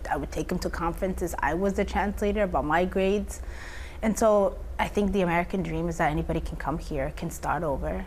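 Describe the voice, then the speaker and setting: A woman's voice: on the low side, a little hiss or hum. A young woman from Somalia, a state senator, answering interview questions earnestly and building her points in lists.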